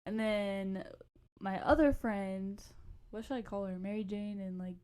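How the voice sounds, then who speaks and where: A woman's voice: medium pitch, steady tone, unhurried, warm tone, clear, resonant tone. A young adult woman co-hosting a podcast, telling stories in a casual, slangy, rambling way and often losing her thread. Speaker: podcast co-host. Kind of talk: casual storytelling chat.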